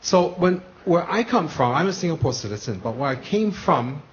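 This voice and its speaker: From the audience, an American lecturer earnestly puts a long question to the panel, restarting many times. His voice sits on the high side, animated and at normal speed, and the recording is a muffled broadcast with faint hiss.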